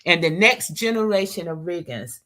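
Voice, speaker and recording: An older woman poet reading her verse and chatting, slow and prayerful with long pauses. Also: lowish voice, expressive, pushed and bright. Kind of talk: poetry reading and chat.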